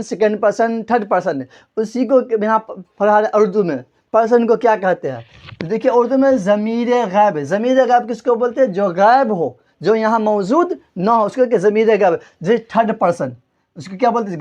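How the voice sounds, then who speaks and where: In a dull, lo-fi recording, a grammar teacher delivers a classroom lesson in a mid-range, darkish voice. Each point gets repeated, and the teacher quizzes listeners before answering the questions themselves.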